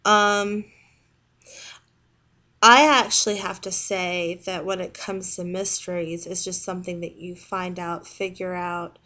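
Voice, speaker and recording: A woman with a Southern American accent talks at an unhurried, drawn-out pace. Her voice sits a little low, and she stops often, restarting her sentences as she chats in a casual video response. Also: level tone, sharp tone. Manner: halting, many pauses and restarts. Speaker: video blogger.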